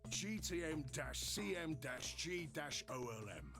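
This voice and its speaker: An actor voicing a chatty, cheeky working-class male robot in a video game, with a broad Cockney accent and rough, slangy speech. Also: a little high, expressive, unhurried. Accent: Cockney English. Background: game music.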